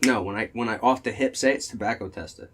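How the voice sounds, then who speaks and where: A man's voice: mid-range voice, very fast, slight background noise. A young man with a New Jersey accent, chatting casually as a podcast co-host in a laid-back, joking way. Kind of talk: casual chat.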